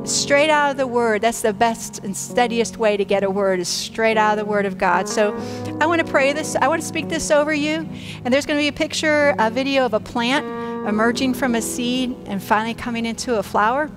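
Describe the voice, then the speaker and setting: A woman in her fifties preaches from a church stage in a bright, high voice, rousing and encouraging her listeners with calls of amen. She speaks through a headset mic, with soft music underneath. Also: a little fast. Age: 50s. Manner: energetic and encouraging, with whooping shouts and amen calls. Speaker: pastor. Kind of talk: sermon.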